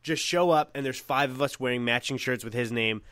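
A young man spins a long story from high school, looping back on himself and swearing casually as he goes. His voice sits at an ordinary middle pitch. The sound is dry and close, with no room echo. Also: a little fast, fairly bright tone, smooth. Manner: rambling, self-correcting, swears freely. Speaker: podcast co-host.

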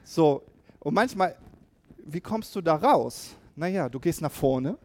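A man preaching a sermon as pastor to a congregation, animated and acting out scenes in voices, rallying the listeners with call and response. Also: on the high side, a little slow.

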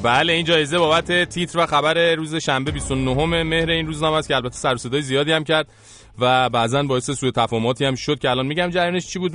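A man's voice: a little high, a bit bright. A man with an Iranian Persian accent presenting a scripted satirical press review as host, in a colloquial, mock-formal manner.

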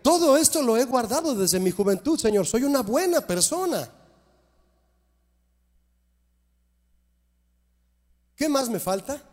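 A man's voice: extremely high pitch, animated, measured pace, pitched above the performer's own voice. A man voicing a smug, self-satisfied young man who boasts that he keeps every commandment, in a proud, ironic manner. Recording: long hall reverb.

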